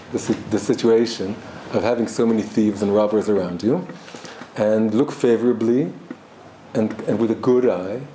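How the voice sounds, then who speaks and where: With a fairly low pitch and a very dark, mellow tone, a man whose first language is Hebrew gives a reflective spoken class. He thinks aloud haltingly and restarts often, recorded in a noticeably echoey space with a slight background hum.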